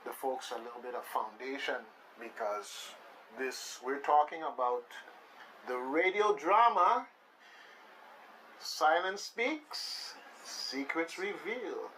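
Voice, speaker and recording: Speaking slowly with a sharp tone at medium pitch, a man hosts a radio talk show, rambling casually and emphatically and often repeating phrases. The mic sits slightly distant, and faint noise can be heard.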